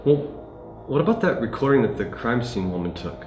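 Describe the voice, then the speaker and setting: A man's voice: mid-range voice, big pitch swings, moderate pace, a little mellow, lightly acted. A man playing a puzzled investigator with a casual, questioning manner, in found-footage horror film style. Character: puzzled, questioning male investigator open to the uncanny. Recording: echoey room, faint music.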